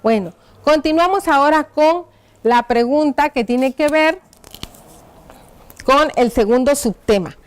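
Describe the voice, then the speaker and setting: Patient, high-voiced woman teaching slowly. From Mexico. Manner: slow, patient, spells out each word while writing; asks the pupils rhetorical check-in questions. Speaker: primary school teacher. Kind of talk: classroom lesson on TV.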